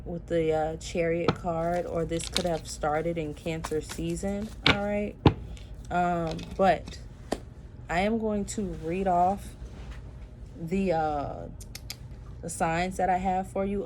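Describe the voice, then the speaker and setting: With a voice on the low side and a darkish tone, a tired, sleepy-sounding tarot reader chats with her viewers early in the morning. She calls them "y'all" and leans on many fillers. Slight background noise can be heard.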